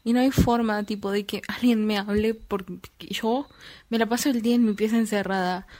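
A woman's voice: medium pitch, steady tone, moderate pace, warm tone. A young woman, chatting casually, blunt and self-deprecating, swearing freely. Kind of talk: casual chat.

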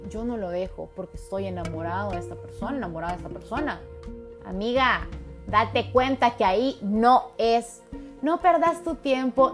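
A woman hosting a podcast, giving casual, emphatic relationship advice and calling the listener "mija". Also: fairly high pitch. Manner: chatty, emphatic, acts out quoted voices, calls listener "mija". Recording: soft music in background.

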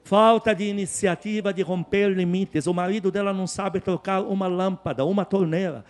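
Male pastor, high voice, emphatic sermon delivery, hushed asides then loud peaks. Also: fairly even intonation, moderate pace. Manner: emphatic, repeats key words, swings from hushed to loud.

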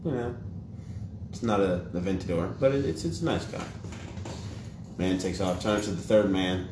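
Deep-voiced man spinning a crude joke. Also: moderate pace. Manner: crude, rambling storyteller. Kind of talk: casual chat and joke telling. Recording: echoey room with background noise.

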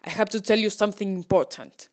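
A woman's voice: medium pitch, animated, fast, darkish tone, natural voice. A woman reading aloud, voicing a serious, commanding old lord in a storybook. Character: wise stern old male lord.

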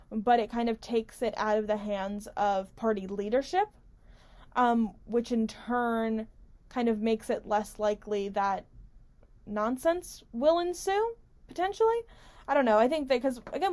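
A woman's voice: on the high side, a little mellow. A woman hosting a talk radio show, giving casual, unscripted political commentary in a rambling, conversational way with emphatic stresses and frequent self-interruption. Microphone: studio-style microphone pulled close, with squeaky stand.

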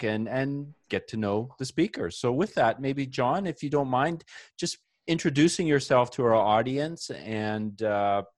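A man's voice: medium pitch, no echo, studio quality. A man hosting a casual podcast, introducing things in a loose, friendly way with lots of fillers. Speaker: podcast host.

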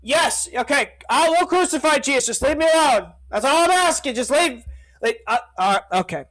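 A man's voice: very high voice, animated, moderate pace, fairly bright tone, voice pushed up, low-quality recording. A man voicing a hungover, exasperated male Roman governor who rambles and fumbles his words in a comedic podcast bit. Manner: whiny, rambling, flustered.

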